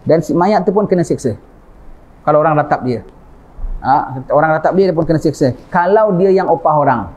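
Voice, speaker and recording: A man's voice: on the high side, fairly quick, darkish tone, lo-fi sound. A man with a Malaysian Malay accent giving an informal religious talk, often checking in with his listeners. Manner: conversational, often asks the audience 'ha?'. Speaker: religious preacher. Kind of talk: informal sermon.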